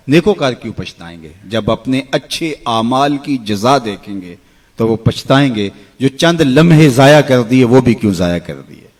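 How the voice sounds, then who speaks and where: Impassioned male preacher. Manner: impassioned, swings between soaring cries and hushed lows; chants Arabic verses slowly. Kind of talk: emotional Islamic sermon.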